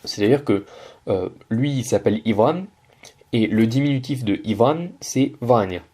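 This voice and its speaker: A man's voice: medium pitch, moderate pace, dark tone, husky. A man teaching Russian in French, patiently breaking down a video line by line with frequent hesitations. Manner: patient, many hesitations and self-corrections. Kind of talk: explaining a video lesson.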